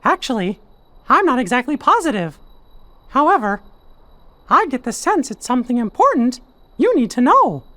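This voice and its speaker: A small, kindly mouse king speaks in a very high, squeaky falsetto. The delivery is earnest and swings up and down with lively cartoon energy, as in an animated video game. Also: moderate pace, long pauses, exaggerated voice. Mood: earnest, gentle.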